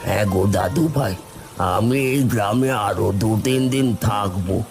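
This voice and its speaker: A man's voice: lowish voice, moderate pace, creaky. A man voicing a hungry, humble old village man in a cartoon, speaking in a pleading, grateful way. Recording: background music.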